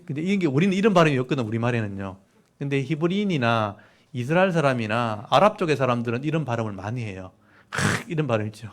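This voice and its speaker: Male pastor preaching an expository sermon. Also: medium pitch. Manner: expository preaching, explaining Hebrew words and reading verses aloud.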